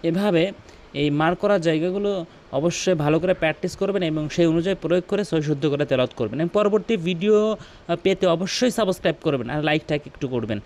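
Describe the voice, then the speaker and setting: A man with a high voice gives a recitation lesson. He explains each sound plainly, then chants the phrases slowly and stretches them out at a higher pitch. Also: darkish tone. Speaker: Quran recitation teacher. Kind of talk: tutorial on Arabic pronunciation.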